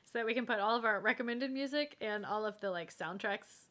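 A woman's voice: a little high, fairly quick, a bit bright. A woman co-hosting a podcast in casual chat, laughing often and using many fillers. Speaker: podcast co-host.

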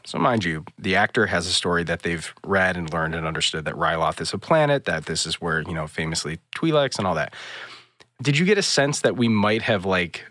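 Man, podcast co-host, excited storyteller, fairly low voice, dry close sound. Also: a little fast, no room sound. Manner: excited storytelling, acts out quotes loudly. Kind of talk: casual chat.

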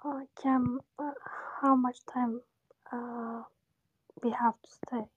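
Young woman student, slow and halting, soft sleepy tone, a bit high, dry sound. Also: level tone, breathy edge, no echo, muffled recording. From Turkey. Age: 20s. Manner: hesitant and halting, searching for words. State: sleepy, speaking softly. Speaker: student learner. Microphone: phone in an audio chat app.

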